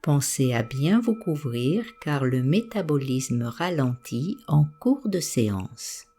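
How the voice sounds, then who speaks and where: Speaking very slowly, a woman guides a meditation with soothing instructions in a very low, mellow voice that is soft-edged with a breathy edge. Her pitch swings widely, though her phrasing keeps a gentle, melodic rise and fall.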